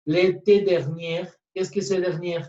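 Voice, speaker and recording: Slow, patient man teaching French. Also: sits high, little pitch movement, mellow. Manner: checks understanding with frequent "sí?" and "oui". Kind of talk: online class teaching in Spanish and French. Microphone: computer mic on a video call. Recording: dull, distant, echoey online call audio.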